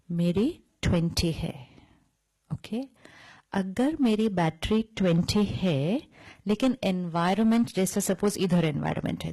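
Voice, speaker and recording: A woman's voice: mid-range voice, dark tone. A woman giving a spiritual discourse, mixing Hindi and English, explaining with step-by-step analogies and rhetorical questions. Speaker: spiritual speaker.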